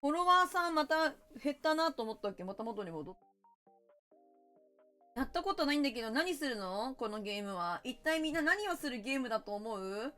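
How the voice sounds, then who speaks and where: A young woman streaming a game, chatting casually and getting excitable, her voice a bit rough. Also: high voice, a little fast, soft background music. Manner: excitable, shouts and laughs while playing. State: voice a bit rough, says it won't come out.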